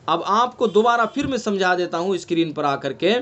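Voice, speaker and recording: A man from India teaches an online Quran recitation class in a high-pitched voice. He repeats each term and keeps checking the students with questions. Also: expressive, fairly bright tone, muffled recording. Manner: explains slowly, repeats terms, quizzes students with questions. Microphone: online class recording.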